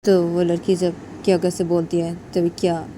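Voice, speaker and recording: A woman's voice: lowish voice, monotone, moderate pace, background noise. A woman hosting her channel, narrating a romance story casually and rambling with fillers.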